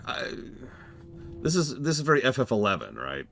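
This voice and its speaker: A man's voice: mid-range voice, huge pitch swings, normal speed, gravelly, fairly bright tone, soft background music. A man giving casual, rambling live commentary as he streams a game, explaining things as he goes.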